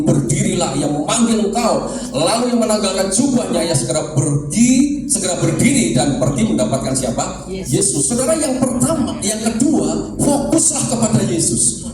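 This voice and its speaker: A man preaching a lively sermon to a congregation, asking them questions and rising high when he quotes people crying out. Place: church service. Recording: echoey room from far off, music behind.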